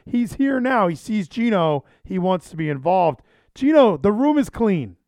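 A male livestream host chats casually and rambles, doubling back on his phrases. His voice is a bit high for a man, recorded dry. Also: sing-song, unhurried, darkish tone, dry recording. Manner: rambling, self-interrupting, repeats phrases. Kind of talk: casual chat. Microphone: handheld microphone.

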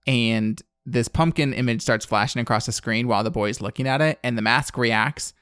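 A man's voice: medium pitch, normal speed, a bit bright, clean tone, no echo, studio quality. A man in his thirties hosting a podcast, recapping a film in casual chat, blunt and sarcastic, with plenty of fillers. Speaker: podcast host.

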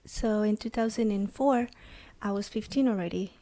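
With a mellow, mid-range voice, a Salvadoran woman in her thirties tells her personal story as a podcast guest. Her Spanish carries a Salvadoran accent, and her delivery is halting, broken up by frequent pauses and restarts.

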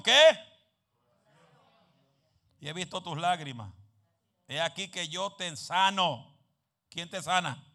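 A man preaching a sermon in a church, moving between quiet, joking asides and shouted calls for amen. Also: high voice, gravelly.

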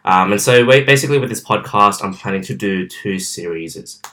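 Around twenty-one and from southwestern Sydney, this Australian-accented man hosts his own podcast from his bedroom, filmed on camera. His fairly low voice sounds bright and forceful at a moderate pace as he rambles through an outgoing solo monologue packed with fillers.

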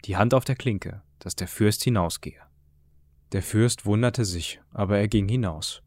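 A man reading an audiobook in a calm, measured way. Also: on the low side, dry recording. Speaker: narrator.

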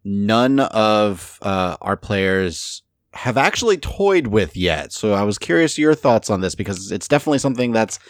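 Male host, low and animated, easygoing questioner, dry sound. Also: moderate pace, dry recording. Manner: easygoing, steers the talk with questions. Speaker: podcast host. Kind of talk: casual podcast chat.

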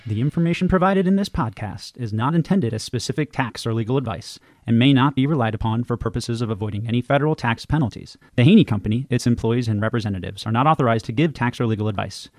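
A man delivers a fast legal disclaimer as a scripted announcement. His pace is very quick and the sound is dry and close, with formal wording run through briskly. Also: medium pitch, darkish tone, dry recording.

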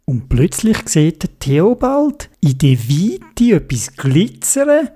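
Slow Swiss German storyteller. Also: medium pitch, big pitch swings, dark tone, slightly rough. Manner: slow, sing-song storytelling. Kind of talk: children's bedtime story.

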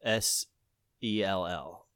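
A man's voice: deep voice, slow pace, fairly bright tone, clear, resonant tone, dry recording, studio quality. A man from the American South with a Southern accent, telling a long story in casual conversation, rambling with many fillers and restarts.

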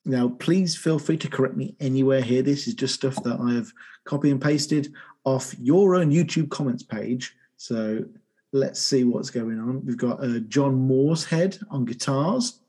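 An English man hosts a relaxed music podcast, joking and getting easily worked up over small discoveries. His voice is mellow and dark in tone, with a husky edge. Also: mid-range voice, a little slow. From England. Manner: enthusiastic, jokey, excitable. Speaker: podcast host. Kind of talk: casual music podcast chat.

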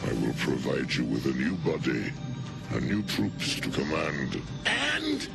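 An actor playing a colossal menacing robot overlord, speaking slowly and commandingly through a deep processed robot voice. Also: male voice, huge pitch swings, gravelly, over loud music, exaggerated voice. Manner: slow, commanding, gloating. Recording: film clip with loud score.

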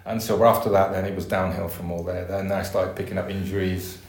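A man's voice: low voice, level tone, a little fast. A middle-aged man with a Welsh Valleys accent, reminiscing in a casual interview in a hesitant, matter-of-fact way. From Merthyr Tydfil, south Wales. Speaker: podcast guest, former footballer. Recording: roomy, echoey sound.

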